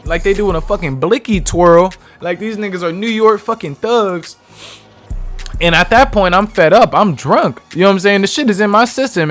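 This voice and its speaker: A man's voice: high voice, fairly bright tone. A young man telling a heated, profane storytime about his own night out. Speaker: vlogger. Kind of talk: casual storytime.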